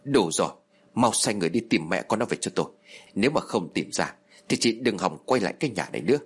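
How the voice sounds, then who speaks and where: A man's voice: on the low side, lively intonation, fast, breathy edge. Man doing a harsh scheming woman. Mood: scolding. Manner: curt, scolding. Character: harsh, scheming middle-aged woman, scolding.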